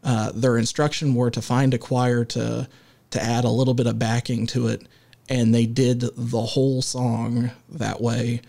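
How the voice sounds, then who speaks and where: A man co-hosting a casual music podcast, leading the talk in a halting way with many filler sounds and restarts. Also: mid-range voice, flat delivery, gravelly, warm tone. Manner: leads the discussion and segues. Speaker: podcast co-host.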